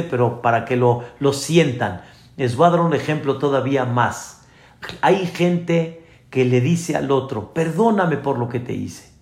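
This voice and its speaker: Slow, fairly high rabbi preaching to his congregation, echoey room. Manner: slow, explaining, addresses listeners directly. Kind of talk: sermon.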